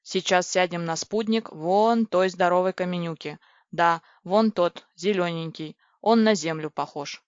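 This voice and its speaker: A woman's voice: fairly low pitch, unhurried, no echo, lightly acted. A woman reading a storybook voices a male ship computer that is curt, dry and grumbling. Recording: dry, dull lo-fi recording.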